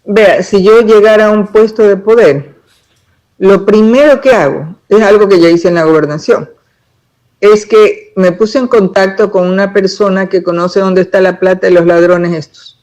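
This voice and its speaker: A woman's voice: mid-range voice, steady tone, moderate pace, a little mellow, poor audio. An emphatic woman speaks as a political pre-candidate in a casual interview. She talks at length, building each explanation point by point with conviction.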